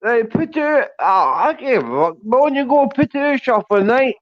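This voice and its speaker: High-pitched sweary Glasgow street-accent man. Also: very animated, moderate pace, no room sound. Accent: Glasgow Scottish. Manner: sweary, confrontational street talk. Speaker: livestream panel guest. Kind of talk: heated livestream argument. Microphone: online panel call. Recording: dull lo-fi voice-call audio.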